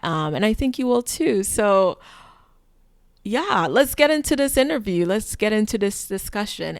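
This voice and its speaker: A woman hosting a podcast in a relaxed, chatty way. Her voice sits low with a gravelly edge yet stays smooth, and the sound is dry and close. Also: no room sound. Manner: chatty, relaxed, many fillers. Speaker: podcast host. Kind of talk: casual podcast intro and interview.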